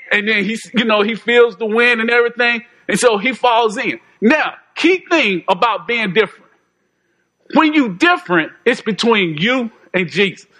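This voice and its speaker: A man's voice: very high-pitched, pushed and bright, low-quality recording. A man preaching an informal sermon in a folksy, conversational way, often repeating phrases and chuckling.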